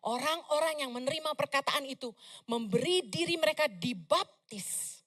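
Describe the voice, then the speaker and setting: Woman pastor, high voice, bright and forceful, loud emphatic sermon, casual asides. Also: expressive, normal speed. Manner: loud, emphatic preaching with sudden slangy asides.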